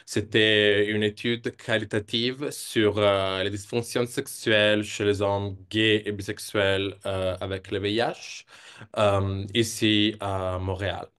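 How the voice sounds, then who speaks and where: A man's voice: fairly low pitch, little pitch movement, slow pace, a bit bright, smooth. A young man with an Italian accent in his non-native French, presenting research hesitantly and searching for words. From Italy. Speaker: PhD candidate presenting research.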